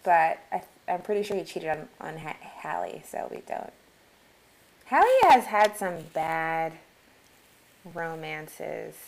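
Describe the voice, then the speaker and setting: A woman's voice: sits low, slow pace, creaky, rough recording. A woman co-hosting a podcast, chatting casually as she recaps a movie, laughing often and quoting characters along the way. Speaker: podcast co-host. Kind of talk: casual chat recapping a film.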